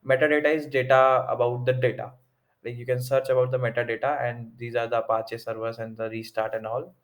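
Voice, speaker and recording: A young man with a North Indian accent giving an informal tech tutorial, haltingly thinking aloud as he works through the steps. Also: mid-range voice, level tone. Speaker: tutorial presenter. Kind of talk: informal screen-recorded tech walkthrough.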